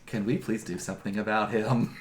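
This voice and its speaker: A man's voice: fairly low pitch, steady tone, fairly quick, background noise, voice pushed down, close to an everyday voice. A man voicing a furry-pawed male veteran monster hunter, pleading earnestly.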